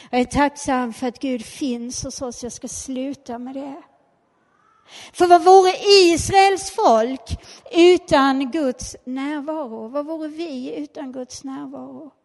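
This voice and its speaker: Woman pastor, high and fervent, preaching in a big echoing church. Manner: passionate, swings between soft and loud. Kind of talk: sermon. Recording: long hall reverb.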